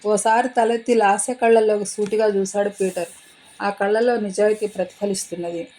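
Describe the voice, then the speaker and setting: Mellow woman reading a novel aloud. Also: mid-range voice, poor audio. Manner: steady, measured storytelling. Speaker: audiobook narrator.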